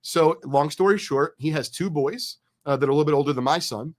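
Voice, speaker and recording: Man, middle-aged, fairly high voice, excitable, chatty, candid storyteller. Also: brisk. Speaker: card collecting business guest. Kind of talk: animated storytelling.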